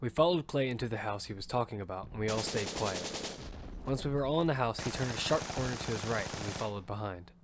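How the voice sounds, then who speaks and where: Narrating in first person, a man voices the lead character Damian, a young survivor of battle, in a steady, earnest, matter-of-fact way. His fairly low, natural voice moves fast over a noisy background with a loud musical score.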